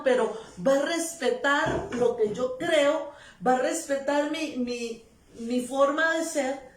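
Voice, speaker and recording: A woman preaching a sermon, emphatic and repetitive, often stopping for amen. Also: high-pitched. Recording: echoey room, voice from a distance.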